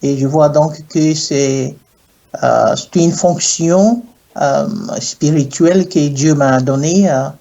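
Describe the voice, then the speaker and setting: Slow hesitant Ghanaian clergyman. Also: fairly high pitch, vocal fry, mellow, lo-fi sound. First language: English. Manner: slow, hesitant, frequent pauses and fillers. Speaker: guest, clergyman and university French teacher. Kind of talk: interview answers.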